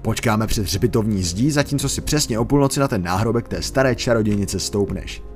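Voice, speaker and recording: A man's voice: fairly low pitch, lightly acted. A young man voicing a sly teenage boy in a scary story who sneers and goads. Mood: goading. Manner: sneering, goading.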